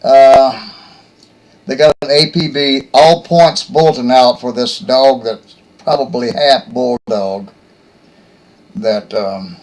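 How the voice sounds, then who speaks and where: A man hosting his own show, telling a rambling story in a folksy, rough-spoken, joking way. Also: mid-range voice, slow pace, pauses often, a little mellow, rough recording. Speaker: host. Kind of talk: casual rambling monologue.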